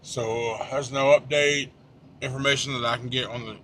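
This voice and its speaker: A man's voice: mid-range voice, fairly even intonation, moderate pace, bright, forceful tone, a little hiss or hum. A middle-aged man talking casually to the camera from his truck cab, rambling with frequent restarts and fillers, blunt and swearing now and then. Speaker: trucker vlogger. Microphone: small handheld camera.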